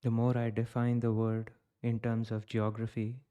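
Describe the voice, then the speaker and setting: A man from India, guiding a reflective contemplation in slow, short phrases with long pauses. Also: mid-range voice, completely flat delivery, dark tone, smooth, lo-fi sound. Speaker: contemplation guide. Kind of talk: guided contemplation.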